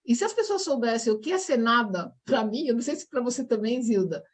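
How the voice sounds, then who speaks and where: Slightly high-voiced woman host. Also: lively intonation, fairly quick. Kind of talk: casual chat on a video call.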